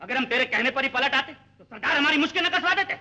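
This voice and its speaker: A man's voice: extremely high pitch, expressive, quick pace, sharp tone, exaggerated voice. An actor playing a hardened male dacoit gang leader who barks curt, suspicious orders.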